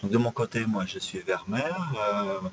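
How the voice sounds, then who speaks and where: A man, co-hosting a casual podcast chat with a relaxed, chatty manner and frequent hesitations. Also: fairly low pitch, moderate pace, noisy background. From France, Paris. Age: 40s. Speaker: podcast co-host.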